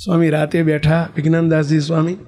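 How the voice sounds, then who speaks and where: Animated high-voiced preacher. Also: male voice, fast talker. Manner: animated storyteller, acts out shouting characters. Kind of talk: storytelling sermon.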